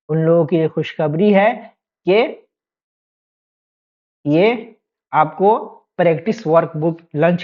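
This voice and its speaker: A woman teaching an online exam-prep lesson, explaining patiently and repeating each point with quick questions to her students. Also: fairly low pitch, highs cut off.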